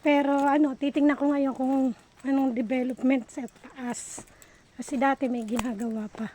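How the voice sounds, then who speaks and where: A woman's voice: high voice, steady tone, normal speed, dark tone, slight background noise. A woman travel vlogger chatting casually as she walks a long outdoor stairway, pointing things out to viewers on a handheld phone. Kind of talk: casual on-the-go vlog narration.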